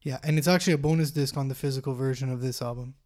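A man co-hosting a casual music podcast, talking in a relaxed, informal way. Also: medium pitch, racing. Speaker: podcast co-host. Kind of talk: casual chat about albums.

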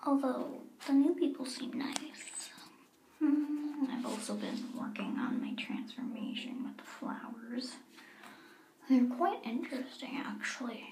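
A weary young captive with numbed plant powers, played by a woman, murmuring a slow audio log. She talks in a light, hushed, half-whispered voice and sighs between thoughts. The recording carries a noticeable room echo. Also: high-pitched. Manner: hushed, sighing, drifting and unhurried. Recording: roomy echo.

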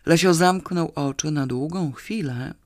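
Slow, measured audiobook reader. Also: mid-range voice, no room sound, clean studio sound. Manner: slow, measured, expressive reading. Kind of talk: audiobook narration.

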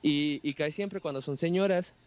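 A man's voice: on the high side, normal speed. A young man with a Mexican accent, chatting casually and acting out the voices of the people in his anecdotes. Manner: animated storyteller, acts out voices of others. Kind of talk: casual chat.

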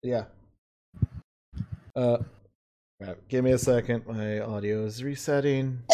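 A man running a tabletop game as game master over an online voice call, casual and quick to swear. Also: medium pitch, fairly even intonation, warm tone. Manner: casual, swears freely, quick bursts of narration.

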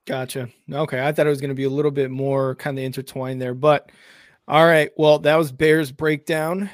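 A man hosting a casual sports podcast, upbeat and quick to laugh. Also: mid-range voice, level tone, no echo, studio quality. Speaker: host.

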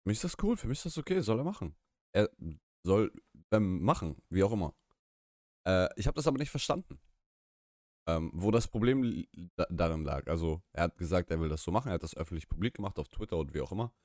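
This young podcast co-host, a native Russian speaker, talks fast in a low, sing-song, slightly mellow voice. His casual live-stream chat from a small room rambles, carries strong opinions and keeps restarting as he corrects himself, all in studio quality with no echo.

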